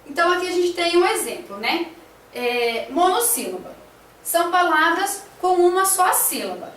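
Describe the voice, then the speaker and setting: A woman's voice: extremely high pitch, big pitch swings, moderate pace, fairly bright tone, reverberant, far from the mic. A woman teacher talking through a classroom lesson plan, hesitant, with many fillers and tag questions.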